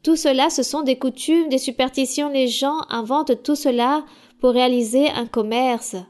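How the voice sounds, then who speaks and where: A woman leading a Bible study answers questions in a calm, direct way. Her voice sits a little high, and she explains things plainly and firmly, like a teacher. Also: moderate pace. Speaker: church leader answering questions.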